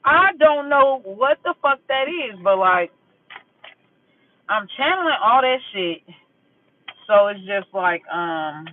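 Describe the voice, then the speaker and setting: A man's voice: sits high, sing-song, slow pace, pauses often, a little hiss or hum. A man venting bluntly and with lots of swearing in a casual vlog, then reading tarot cards. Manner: blunt, profane and emphatic, venting about a grudge. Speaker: vlogger doing a tarot reading. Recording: tinny phone-like audio.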